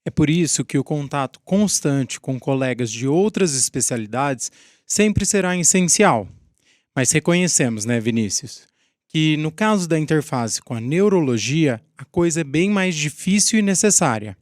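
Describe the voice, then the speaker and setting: A man's voice: on the high side, animated, normal speed, no room sound, studio quality. A man with a Brazilian accent, co-hosting a psychiatry podcast in a conversational, agreeable way. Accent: Brazilian Portuguese.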